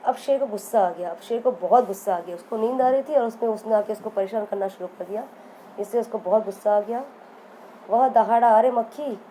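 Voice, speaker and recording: A woman's voice: mid-range voice, fairly quick, mellow, slight background noise, poor audio. A woman teacher telling a story to young children, repeating lines and asking them questions as she goes. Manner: repeats and quizzes the listeners.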